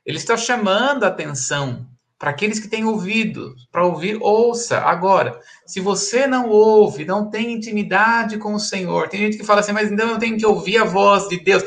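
A man's voice: high voice, gravelly, a bit bright. A man, a pastor, preaching in a live-streamed Bible study, emphatic and repetitive, chuckling between points.

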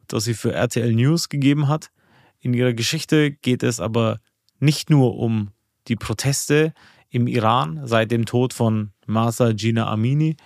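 A man hosts a podcast interview, his questions earnest and sometimes restarting mid-phrase. His voice sits at an ordinary pitch. The room sound is dry and close. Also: a little mellow, no room sound. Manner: earnest, fills with "äh" and restarts when asking questions. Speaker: podcast host. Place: indoors.

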